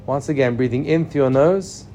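A man leading a guided meditation with calm, soothing instructions. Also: medium pitch, moderate pace, a little hiss or hum. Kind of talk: guided meditation and body scan.

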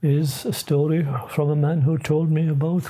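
A man's voice: on the high side, flat delivery, moderate pace, warm tone, husky, low-quality recording. An older man with an Irish accent, telling folklore unscripted in a traditional storyteller's lilt. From Ireland. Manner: lilting traditional storyteller's delivery.

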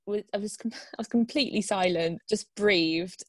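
Young woman, casual storyteller, chatty, mid-pitched, dead-dry close recording. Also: moderate pace, no echo. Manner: animated, lots of fillers, laughs, acts out quoted voices. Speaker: guest telling her birth story.

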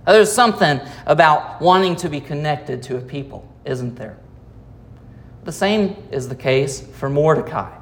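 Man, from the United States, pastor preaching, slightly high voice, pauses for effect, asks the room questions. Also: lively intonation, a little hiss or hum. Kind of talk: sermon.

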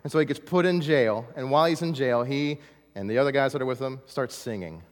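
A man preaching a sermon in a dramatic way, dropping to a hush and then rising to emphatic points. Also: mid-range voice, a little fast, in a large hall. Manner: dramatic, swings from hushed to emphatic. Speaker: pastor.

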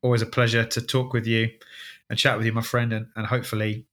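A man's voice: fairly low pitch, flat delivery, quick pace, fairly bright tone. A man with a Welsh accent chatting casually as a podcast co-host.

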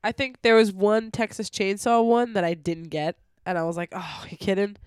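A woman's voice: mid-range voice, fairly even intonation, moderate pace, a little mellow, clear, resonant tone, no echo, studio quality. Nasal, stuffed-up female podcast co-host. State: stuffed up, unwell. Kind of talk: casual podcast chat.

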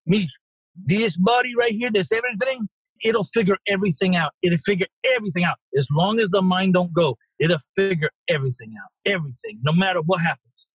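A man voicing an older Cuban war survivor in a Cuban Spanish accent, who repeats his words slowly and insistently. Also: high-pitched, husky, no room sound, poor audio. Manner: slow, insistent repetition.

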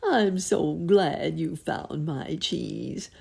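Woman playing the Cheshire Cat, slow and husky. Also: sits low, expressive, darkish tone, exaggerated voice. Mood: cheerful. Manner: drawn-out, deliberate, playful delivery. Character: smiling, smug, friendly male Cheshire cat.

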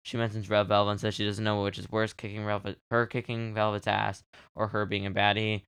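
A man's voice: lowish voice, monotone, a little fast, fairly bright tone, smooth, no echo. Podcast co-host, male, casual recap delivery with frequent laughs, resonant tone, dry close sound. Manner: reads match notes, laughs often. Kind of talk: casual wrestling recap chat.

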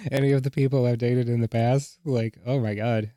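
A man co-hosting a podcast in casual chat, talking in a hesitant, halting way. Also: medium pitch, fairly even intonation, mellow, dry recording, studio quality. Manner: hesitant, halting, with frequent restarts. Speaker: podcast co-host.

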